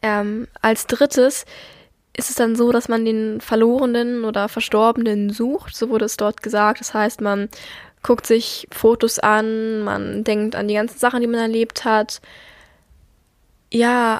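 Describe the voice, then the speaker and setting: Young woman, higher voice, subdued and earnest. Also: flat delivery, a little slow, no echo, clean studio sound. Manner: earnest, reflective, somewhat subdued. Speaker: podcast host. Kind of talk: personal monologue, casual confiding talk.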